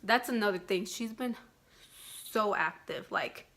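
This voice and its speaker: A woman's voice: mid-range voice, a little slow, fairly bright tone. A woman giving a casual vlog update, rambling and filling her talk with "like" constantly. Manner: rambling, fills speech with "like". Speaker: vlogger.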